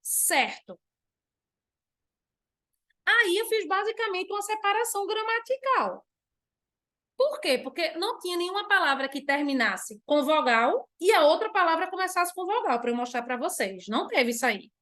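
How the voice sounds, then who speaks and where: A Brazilian woman with a notably high voice leads an online class. She explains patiently, slowing down and stretching the words she wants to stress. She keeps posing questions and then answering them herself. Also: very animated, fairly bright tone. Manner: drawn-out stressed words when demonstrating. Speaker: teacher.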